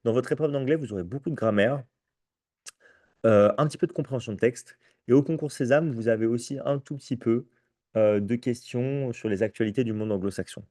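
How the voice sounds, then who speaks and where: A man with a French accent walks an audience through entrance exams in a relaxed, chatty tone, regularly checking that everyone is following. His voice is mellow and warm, recorded dry and up close. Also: mid-range voice, fairly quick, no room sound. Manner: conversational, addresses audience with frequent "ok?" and restarts. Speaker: prep school teacher presenting exams. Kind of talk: live conference presentation.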